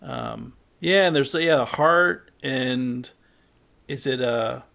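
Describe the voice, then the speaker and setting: A man's voice: medium pitch, takes it slowly, vocal fry, pushed and bright. Man explaining a film scene. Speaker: podcast co-host. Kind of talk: casual film discussion.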